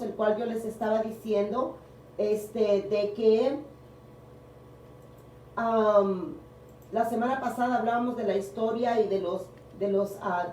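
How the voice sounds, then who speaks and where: A woman teaching a congregational Bible study, speaking deliberately and leaning hard on key words, recorded in a meeting room by a distant microphone. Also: a little high, dark tone, slight background noise. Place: congregation meeting room, also streamed online. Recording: echoey room picked up from a distance.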